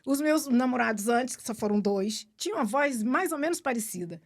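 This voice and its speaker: Lively Brazilian woman telling a story. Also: a little high, brisk. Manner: animated storyteller, laughs often. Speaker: podcast guest, mother. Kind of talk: casual podcast conversation.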